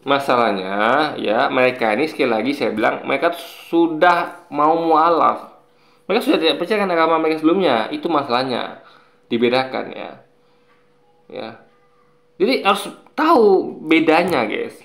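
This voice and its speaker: A fairly high-voiced man talks his viewers through his argument in casual commentary. His voice swings widely in pitch and has a gravelly edge. The room around him is echoey. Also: normal speed. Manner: animated, explains with examples and repeats points. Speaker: commentator reacting to video clips.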